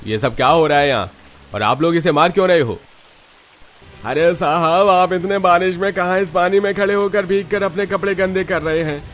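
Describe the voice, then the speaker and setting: A man voicing a bullying neighbor who jeers roughly and accuses loudly. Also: high voice, moderate pace. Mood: hostile. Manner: rough, jeering.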